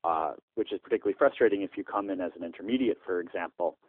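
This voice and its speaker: A man's voice: low-pitched, racing, slightly rough, dry recording. A man being interviewed over a landline phone, a startup founder answering at length with frequent "uh" fillers and restarts. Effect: heard over a landline phone. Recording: tinny, dry landline phone line.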